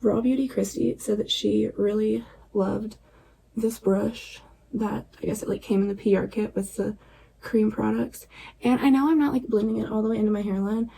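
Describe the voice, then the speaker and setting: Woman, makeup vlogger, relaxed chatty tone, near-whispered asides, gravelly, mellow low tone. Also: normal speed, rough recording. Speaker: beauty vlogger. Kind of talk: casual makeup tutorial chat. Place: at home at night.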